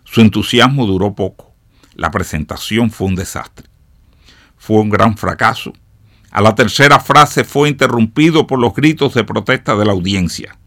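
A man with a low, gravelly voice tells an inspiring tale in a studio radio commentary. He speaks slowly and with heavy emphasis, addressing his listeners directly. The sound is dry and close. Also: fairly bright tone, dry recording. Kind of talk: scripted motivational radio storytelling.

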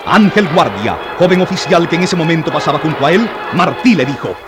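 A man's voice: on the high side, big pitch swings, brisk. Solemn male narrator over music. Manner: solemn, rising to heightened intensity in battle passages. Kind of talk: dramatic scripted narration for historical radio drama.

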